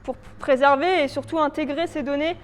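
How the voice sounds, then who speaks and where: Presenting slides for a local authority biodiversity project, a woman explains things informally, hesitating and improvising loosely. Her high-pitched voice stays steady and fairly quick. She speaks to a live audience in a reverberant indoor meeting room that gives a big-room sound.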